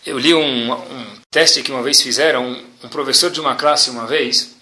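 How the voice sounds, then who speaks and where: A man, teaching a religious lesson to a group as an animated storyteller who acts out the dialogue. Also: medium pitch, normal speed. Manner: animated storyteller, acting out the rabbis' dialogue, with Hebrew terms mixed in. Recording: echoey room.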